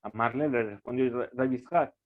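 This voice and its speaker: A man's voice: mid-range voice, brisk. A man teaching a Talmud lesson, reading phrases aloud and then explaining them, with frequent restarts and rhetorical questions. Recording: phone-like narrow audio.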